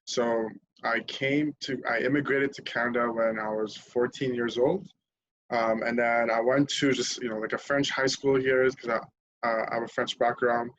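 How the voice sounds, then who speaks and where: A man's voice: mid-range voice, fairly even intonation, moderate pace, fairly bright tone, lo-fi sound, slight background noise. A young man from Lebanon, a podcast guest telling his story candidly in casual chat, swearing freely and laughing at himself.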